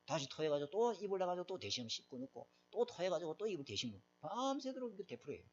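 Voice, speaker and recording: Emphatic man preaching, lively pitch. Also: fast talker, slight background noise. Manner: emphatic, asks the congregation questions. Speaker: pastor. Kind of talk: sermon. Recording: dull lo-fi recording.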